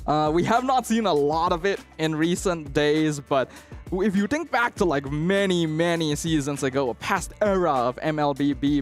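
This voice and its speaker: Playful man, higher voice. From Malaysia. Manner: playful, self-deprecating, laughs often. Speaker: esports analyst. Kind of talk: esports desk banter and analysis.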